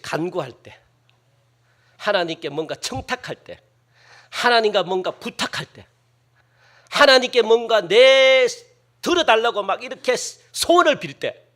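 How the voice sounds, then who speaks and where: Delivering a sermon in a voice that sits high, a male pastor poses questions to the congregation and performs loud, emphatic, pleading prayers.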